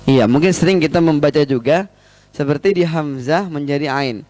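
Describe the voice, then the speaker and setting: A man's voice: fairly high pitch, normal speed, darkish tone. A man teaching Quran recitation, patiently correcting students by repeating each sound. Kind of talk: tajwid lesson with recitation and corrections.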